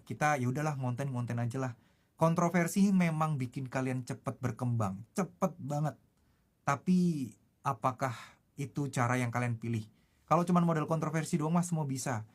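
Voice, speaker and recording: Casting: man, mid pitch, casual commentary voice, preachy advice to viewers.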